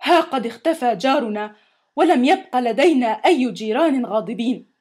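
A woman voicing a mild, weary father in a children's story, speaking calmly and placatingly. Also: on the high side, normal speed, husky.

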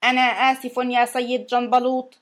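A woman voicing a mischievous female talking machine in a children's story, with flat mimicking repetitions. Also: fairly high pitch, fairly quick, lightly acted.

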